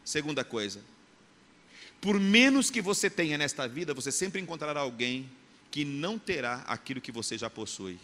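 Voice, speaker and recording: A Brazilian pastor preaches with a bright, forceful edge, his slightly raised voice carrying through a long church reverb. He tells stories with animation and acts out the scenes. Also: on the high side, sing-song, normal speed. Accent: Brazilian Portuguese. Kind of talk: sermon. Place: church hall. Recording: long church reverb, faint room noise.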